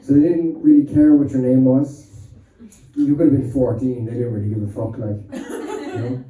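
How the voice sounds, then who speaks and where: A man's voice: mid-range voice, big pitch swings, normal speed, mellow. An Irish man working as MC, telling crude, laid-back jokes and introducing the next comedian. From Ireland. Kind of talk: stand-up comedy and introducing acts. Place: pub stage with live audience. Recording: echoey pub from a distant mic.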